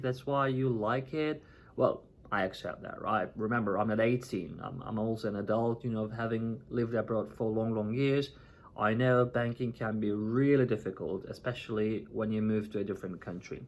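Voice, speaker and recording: A chatty man from Turkey, past thirty, talking straight to his viewers in a casual vlog. His voice sits at an ordinary middle pitch, and he keeps tossing in "right?" and "you know" as he goes. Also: fairly even intonation, normal speed. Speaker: vlogger. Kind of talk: casual talk to camera.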